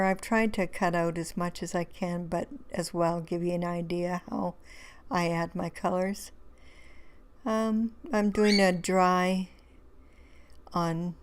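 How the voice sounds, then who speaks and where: A hoarse woman, rambling through a relaxed crafting tutorial voice-over with many fillers and restarts. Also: lowish voice. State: hoarse, losing her voice. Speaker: craft video host.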